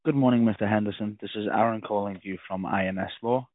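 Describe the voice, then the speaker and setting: A man's voice: fairly low pitch, steady tone, quick pace, no echo. Man on a tinny phone line. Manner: polite and formal. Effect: over a landline phone. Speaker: caller from a law firm. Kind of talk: leaving a voicemail message.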